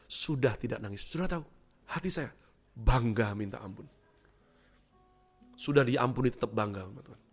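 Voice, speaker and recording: A middle-aged man preaching a sermon in church, swinging between loud exclamations and hushed asides as he keeps calling out to the congregation. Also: medium pitch. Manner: keeps addressing the congregation as "saudaraku". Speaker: pastor.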